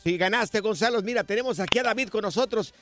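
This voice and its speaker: A man's voice: sits high, quick pace. A man hosting a radio comedy show, bantering and playing a stern bar manager on a prank call. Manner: lively, teasing, plays a stern bar manager. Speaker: radio host. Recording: loud music underneath.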